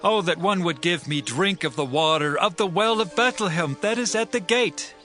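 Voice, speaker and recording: A man's voice: high-pitched, normal speed, bright, forceful tone, soft background music. A man playing a devout warrior king in an earnest, declamatory dramatized scripture reading. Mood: longing. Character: King David, devout male warrior leader, longing and solemn.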